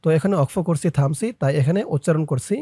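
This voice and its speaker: A man's voice: a little high, fast talker, warm tone, husky, no room sound, clean studio sound. A man teaching viewers to pronounce a prayer, patiently repeating each syllable for them to follow. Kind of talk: spelling-out lesson of a prayer.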